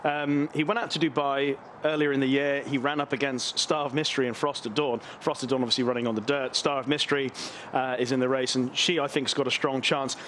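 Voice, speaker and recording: A man's voice: medium pitch, little pitch movement, quick pace, hardly any pauses, a bit bright, a little hiss or hum. A man from the UK talking through a horse's form as a racing analyst in a chatty, easygoing way. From United Kingdom. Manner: chatty, laughs easily. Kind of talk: live broadcast analysis.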